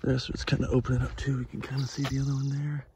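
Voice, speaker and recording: A man's voice: mid-range voice, completely flat delivery, fast. A man filming himself on an outdoor hiking trail, talking through the hike in an easygoing, rambling way full of filler words. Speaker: vlogger hiker. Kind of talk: casual hiking vlog commentary. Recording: noisy outdoor recording.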